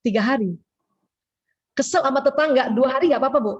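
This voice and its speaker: A woman giving a lively religious health talk as guest speaker on a video call, acting out quoted dialogue as she goes. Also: high voice, brisk, husky. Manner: animated, acts out quoted dialogue. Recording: dull lo-fi call audio.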